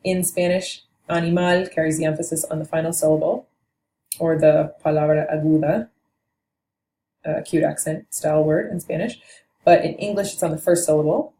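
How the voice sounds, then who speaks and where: A warm, low female voice with fairly even intonation belongs to a language teacher walking through a linguistics lesson. She is patient and explanatory, now and then correcting herself. Faint noise and echo fill the room.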